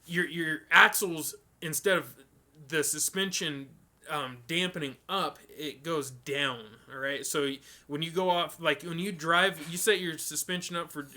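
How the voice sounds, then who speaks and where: A man's voice: a little high, a little slow. A man hosting a live stream, casually answering viewer questions with lots of ums and restarts. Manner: relaxed, rambling, many ums and restarts.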